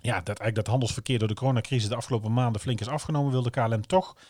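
A man's voice: medium pitch, rapid-fire, darkish tone, no echo, clean studio sound. A man from the southern Netherlands with a Brabant Dutch accent, chatting casually as a podcast co-host.

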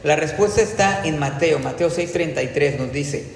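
A man's voice: on the high side, normal speed, vocal fry. A man preaching a sermon in a casual, conversational way, asking the congregation rhetorical questions. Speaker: pastor. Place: church. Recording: very echoey church hall, faint room noise.

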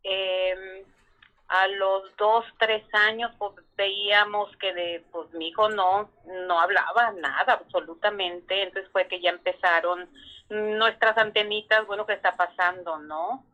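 Slow woman in her sixties on a muffled phone line. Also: mid-range voice, fairly even intonation, bright, forceful tone. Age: 60s. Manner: halting, searching for words, often restarting. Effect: heard over the phone. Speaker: caller. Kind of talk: telling a personal story on a live call-in.

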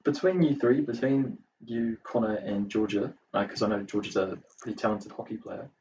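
A man's voice: fairly low pitch, moderate pace, dark tone. A man with a New Zealand accent interviewing as a podcast host in casual, slangy, hesitant phrasing. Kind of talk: casual chat. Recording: dull, distant mic with faint noise.

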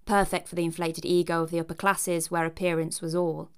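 A woman's voice: fairly low pitch, little pitch movement, brisk, clear, resonant tone. A woman giving a scripted narration with chatty asides in a wry, cheeky, conversational manner.

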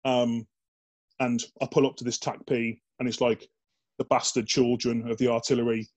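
A man's voice: medium pitch, little pitch movement, moderate pace. A man, a former soldier, telling anecdotes in a casual interview, chatty and blokey, with frequent "like" and swearing, and acting out the voices in his stories. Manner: chatty and blokey, peppered with "like" and swearing, acts out quoted dialogue.

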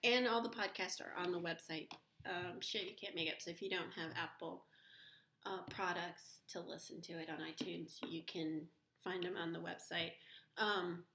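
A woman's voice: on the low side, fairly even intonation, normal speed, pushed and bright. A woman podcast host chatting casually, laughing often and trailing off into restarts. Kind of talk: casual chat. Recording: echoey room, faint noise.

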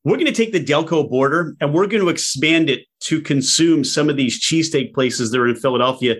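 A man's voice: a little high, fairly quick, fairly bright tone. A man hosting a casual interview, asking playful questions in a joking way. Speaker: interview host.

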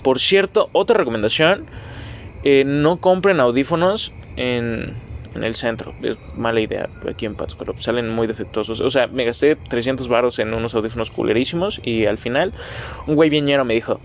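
Rambling nineteen-year-old Mexican podcaster. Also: male voice, mid-range voice, normal speed, slight background noise. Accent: Mexican Spanish. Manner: rambling, self-mocking, swears freely, talks to listeners directly. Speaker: podcast host. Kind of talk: casual solo podcast monologue.

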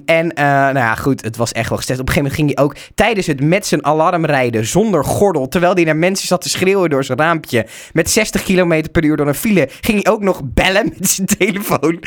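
A young man from the Netherlands telling a road-trip mishap in casual chat, animated, breaking into loud mock shouts. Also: fairly high pitch. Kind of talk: casual storytelling.

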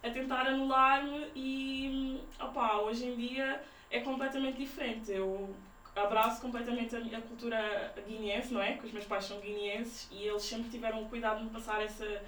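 A young woman from the Sintra area of Portugal, with a Lisbon-area accent, speaks informally as a podcast guest in a casual conversational interview, thinking aloud in broken phrases. Her voice sits on the high side with a fairly bright tone, little pitch movement and normal speed. The recording sounds roomy, with a distant mic and faint noise.

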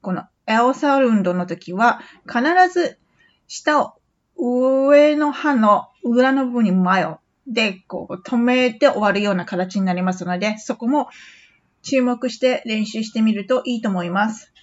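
A woman hosting a podcast English lesson, patiently repeating phrases slowly for practice. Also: on the high side, dull audio. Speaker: English teacher.

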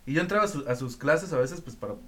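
A man's voice: a little high, animated, fast talker. A young man with a Mexican Spanish accent co-hosting a podcast in casual chat, slangy and laughing often, often trailing off mid-sentence. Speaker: podcast co-host.

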